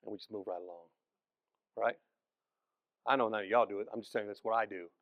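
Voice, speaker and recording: A man preaching as pastor, telling the story in an animated way, acting out the people in it and restarting phrases often. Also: fairly low pitch, brisk, no room sound, highs cut off. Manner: animated storytelling, acts out voices, frequent restarts. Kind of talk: sermon.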